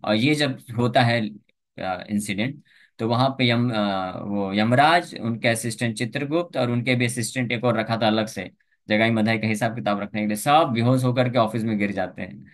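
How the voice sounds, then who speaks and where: A man's voice: medium pitch, a bit bright. A man giving a Hindi scripture lecture, telling a story and acting out its characters' lines with a lifted voice. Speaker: preacher.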